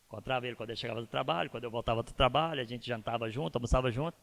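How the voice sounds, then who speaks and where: A man's voice: mid-range voice, rapid-fire, gravelly, a bit bright. A man, a pastor telling a personal story in a conversational church sermon and asking his listeners rhetorical questions. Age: 50s.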